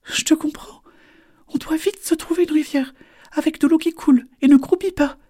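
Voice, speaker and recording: A man voicing a small, chatty female turtle in a storybook, with a squeaky, breathy voice that often drops to a whisper. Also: fairly even intonation, normal speed, warm tone. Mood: urging.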